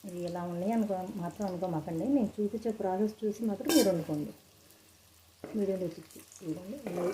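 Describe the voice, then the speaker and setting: Brief: quick, chatty woman cooking at home, explains steps, frying sizzle under her voice. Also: medium pitch, noisy background. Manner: chatty, explains each step to viewers. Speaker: cooking vlogger. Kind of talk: casual cooking demonstration. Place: home kitchen. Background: frying and stirring sounds.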